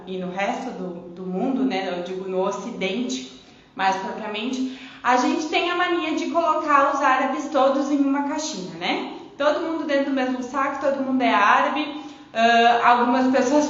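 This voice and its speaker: A belly dance teacher from Rio Grande do Sul in southern Brazil hosts a live-stream lesson, explaining things informally in her gaúcho accent and often checking in with tag questions. Her voice is on the high side, and the recording comes from a very echoey room with a dull, muffled sound.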